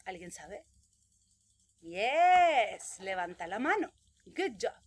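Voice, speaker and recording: A woman teacher, giving a virtual English lesson to preschoolers and drawing out the English words slowly and loudly for them to repeat. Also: fairly high pitch, lively intonation. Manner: exaggerated, slow, loud drill words for children to repeat.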